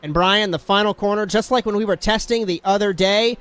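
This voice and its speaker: A man calling a race as play-by-play commentator, excitable and shouting at the big moments. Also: high voice, brisk, clean tone.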